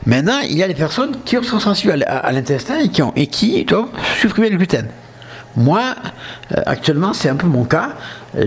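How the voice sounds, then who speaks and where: Husky southern French man hosting a podcast. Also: a little high. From southern France. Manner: chatty, addresses listeners directly with frequent "ok?". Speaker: podcast host. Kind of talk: casual solo podcast talk.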